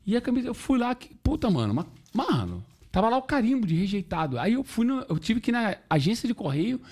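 On a casual podcast, a man tells animated stories full of slang and swearing, acting out the voices of people he quotes. His voice sits high and his delivery is brisk.

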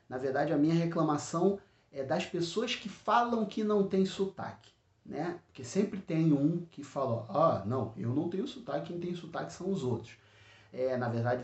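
Man with a carioca accent, podcast host, blunt and profane, fairly high voice, echoey room. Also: a little mellow, highs cut off. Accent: Carioca Brazilian Portuguese. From Rio de Janeiro, Brazil. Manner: blunt, profane, frequent filler "é". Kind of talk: solo complaint podcast rant.

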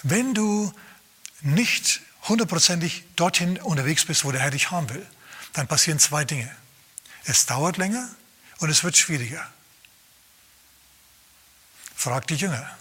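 Bright, husky-voiced male pastor preaching. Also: fairly high pitch, measured pace, long pauses. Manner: lively, emphatic, acts out scenes. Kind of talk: sermon.

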